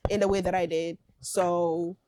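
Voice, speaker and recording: A woman hosting a casual talk show, chatty and animated, with a slangy style and frequent laughter. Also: fairly low pitch, measured pace. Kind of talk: casual chat.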